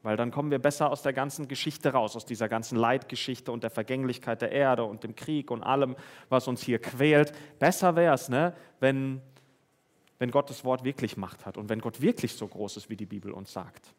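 Male preacher, mid-pitched voice, conversational sermon with Bible reading and many questions to listeners. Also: normal speed.

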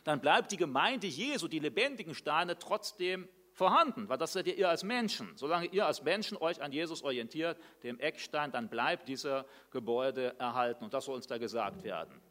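Animated German man preaching a sermon. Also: a little high, normal speed, hardly any pauses. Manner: lively, conversational preaching with rhetorical questions.

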